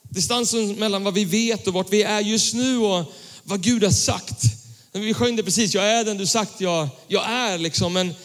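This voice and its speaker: A young male pastor preaching a casual sermon, reading scripture and talking in a relaxed, slangy way to his congregation. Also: sits high. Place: church hall. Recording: church hall with long reverb.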